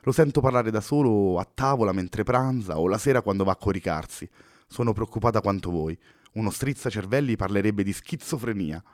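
Guy doing a worried older cook lady, soft confiding talk, dry sound. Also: lowish voice, fairly quick, dry recording, lightly acted. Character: concerned older woman cook.

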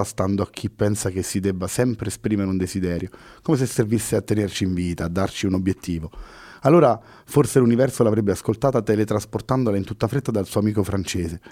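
A man narrating a novel as an audiobook in a measured storytelling manner. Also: on the low side, warm tone, dry recording, studio quality. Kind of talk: scripted narration.

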